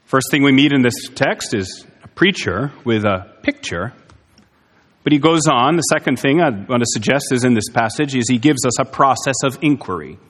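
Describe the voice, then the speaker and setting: A man delivers a sermon in an earnest, emphatic way, leaning on rhetorical questions. His voice sits at a middle pitch. The sound carries a long hall reverb from the church sanctuary. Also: expressive, moderate pace, a bit bright. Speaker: pastor.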